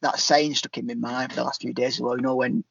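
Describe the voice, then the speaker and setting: A man's voice: medium pitch, level tone, fast, vocal fry, husky, no room sound, dull audio. A man co-hosting a podcast, talking hesitantly about films and repeating himself. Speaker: podcast co-host. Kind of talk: casual film chat.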